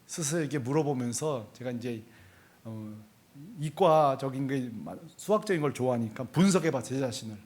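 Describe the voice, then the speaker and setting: A man's voice: medium pitch, animated, moderate pace, darkish tone. A male pastor giving a sermon, telling a personal story in a confessional way and building to fervent emphasis.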